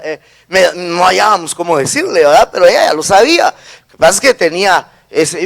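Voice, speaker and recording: A middle-aged man with a Guatemalan accent, a pastor preaching a sermon and telling a personal story, who keeps checking in with the congregation. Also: a little high. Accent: Guatemalan Spanish.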